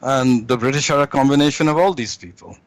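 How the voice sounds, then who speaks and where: A man gives long, deliberate commentary as a guest, pausing now and then to gather his words. His voice sits in an ordinary middle register. The sound is close and dry, with no room around it. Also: mid-range voice, lively intonation, no echo. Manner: measured, deliberate, with frequent hesitations. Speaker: interview guest. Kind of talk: lecturing commentary.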